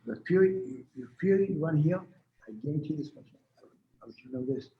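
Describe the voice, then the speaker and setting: A man's voice: on the high side, animated, brisk. A man in his seventies who talks readily and rambles, speaking casually as a healer being interviewed. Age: 70s. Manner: rambling and talkative. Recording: echoey room, dull lo-fi sound.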